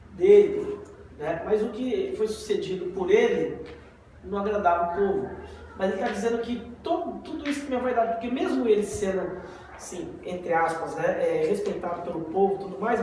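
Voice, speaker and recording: A man's voice: high-pitched, moderate pace, darkish tone. A man with a Brazilian Portuguese accent teaching a casual Bible study, chatty and joking, asking his listeners rhetorical questions. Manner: conversational, tells jokes, asks rhetorical questions. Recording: very echoey room, mic far off, noisy background.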